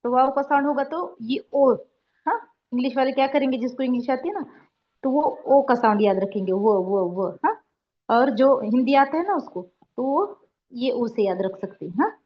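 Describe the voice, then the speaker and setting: A woman teaching an online language lesson. She drills letter sounds slowly and patiently and keeps checking in with her students. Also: high-pitched, expressive. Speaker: Urdu teacher. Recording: dull lo-fi recording.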